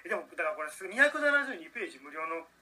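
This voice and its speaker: Bright, rapid-fire Kansai comedian. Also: male voice, high voice. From Osaka, Japan. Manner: animated storytelling, frequent laughter. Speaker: comedian radio host. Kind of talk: casual comedy chat.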